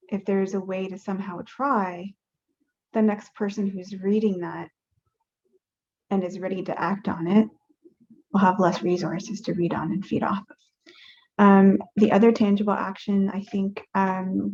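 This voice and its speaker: A woman's voice: medium pitch, a little mellow. A woman making her case on an online panel, earnest and casual, with plenty of fillers and restarts. Her voice comes through a dull, lo-fi video call line.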